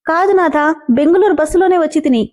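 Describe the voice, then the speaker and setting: Woman narrator voicing a young woman, lovestruck, theatrical, old-fashioned formal speech, high voice, storybook reading. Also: fast, a little mellow. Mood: theatrical, pleading. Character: playful dramatic young woman smitten.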